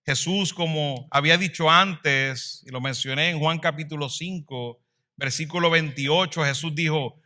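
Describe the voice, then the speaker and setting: A man preaching a sermon as pastor, swelling louder and then dropping to a hush. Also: a little high, unhurried.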